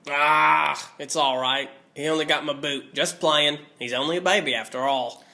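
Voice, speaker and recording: A woman voicing a huge, soft-hearted male gamekeeper in a deep, gruff but tender voice. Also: steady tone, moderate pace.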